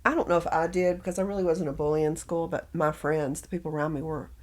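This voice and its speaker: A woman's voice: sits low, steady tone, fast talker, darkish tone. A woman with a Southern US accent, co-hosting a podcast in casual chat and telling stories with easy laughter. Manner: chatty storyteller, laughs often. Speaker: podcast co-host.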